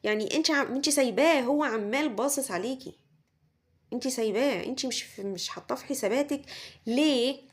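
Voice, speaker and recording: A fairly high-voiced woman with an Egyptian accent reads tarot cards, talking straight to the listener. She circles back over the same points again and again. She slips into quick acted snippets of what other people say. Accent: Egyptian Arabic. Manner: repetitive, speaks straight to the listener, acts out quoted lines. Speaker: tarot reader. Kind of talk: tarot reading monologue to the viewer.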